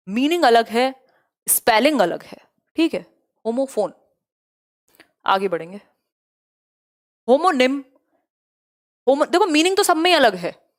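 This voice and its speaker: A lively young woman teaching an online exam-prep lesson. Her voice sits a little high. She mixes English terms into her explanations and keeps checking whether her students have understood. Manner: lively, asks students many check questions.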